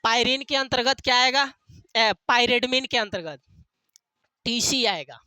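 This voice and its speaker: Slow, bright-voiced male teacher. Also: very high voice, clean tone, dry recording. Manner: asks questions and answers them himself, repeats key terms; uses jokey memory tricks. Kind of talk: classroom lecture with call-and-response questions.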